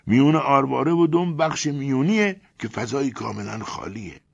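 A man's voice: medium pitch, vocal fry, slightly rough, voice pushed up. A man voicing a vain, deluded male clerk swallowed by a crocodile, who talks boastfully and lectures in a preachy tone, on a dull lo-fi recording.

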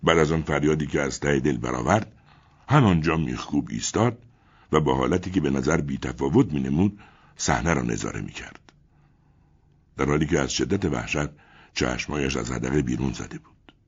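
Deep husky male storyteller. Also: highs cut off. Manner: expressive, rising and falling storytelling. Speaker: audiobook narrator. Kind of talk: dramatic story reading.

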